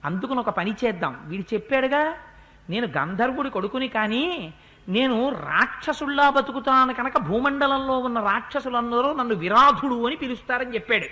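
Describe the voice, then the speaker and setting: A man voicing a calm prince who gives steady orders to his brother during a religious discourse. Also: extremely high pitch, normal speed, exaggerated voice. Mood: calm command.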